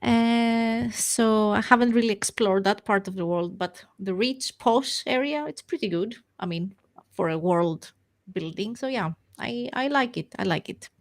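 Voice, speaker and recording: A woman's voice: mid-range voice, measured pace. Tired woman, book club member, apologetic, lots of uhs. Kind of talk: casual book club chat.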